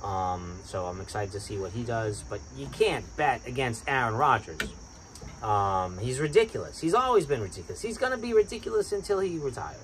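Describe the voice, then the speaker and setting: A man with a Boston accent, co-hosting a casual sports chat and getting excitable about his picks. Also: fairly quick, a little hiss or hum. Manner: excitable, bursts up in pitch when hyped. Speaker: sports podcast co-host.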